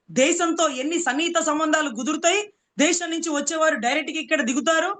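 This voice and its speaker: Woman, political commentator, high-pitched, bright, cutting sarcasm, rhetorical questions. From Andhra Pradesh. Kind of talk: heated political debate.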